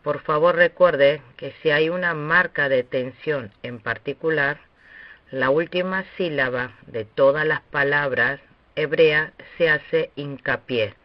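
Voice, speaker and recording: Man, higher voice, slow lecture pace, dry dull lo-fi recording, teaching a language lesson. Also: no echo. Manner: slow, deliberate, with long pauses.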